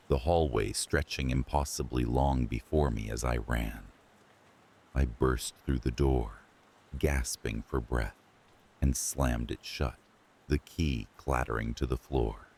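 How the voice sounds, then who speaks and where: A man narrating a scary story for sleep in a slow, hushed storytelling manner. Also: extremely low pitch, gravelly, husky. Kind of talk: scripted horror narration for sleep.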